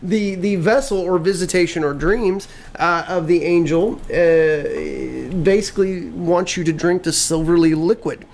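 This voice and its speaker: A man co-hosting a casual talk show, telling a legend in a rambling way, halting with many fillers. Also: a little high, steady tone, gravelly, a little mellow. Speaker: co-host. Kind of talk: casual chat, storytelling.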